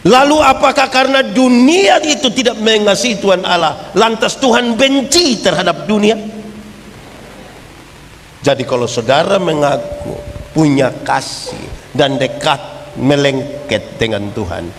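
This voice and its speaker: High-voiced joking preacher in a hall. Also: male voice, a little slow. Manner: lively preaching, jokes, asks the congregation questions. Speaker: pastor. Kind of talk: humorous sermon. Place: church hall. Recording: reverberant church hall, faint background noise.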